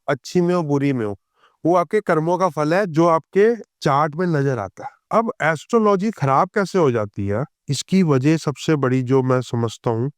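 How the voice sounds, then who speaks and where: A man, a guest on a podcast interview, who reads scripture verses slowly and then explains them in a conversational way. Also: a little high, dry recording, studio quality. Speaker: astrologer guest.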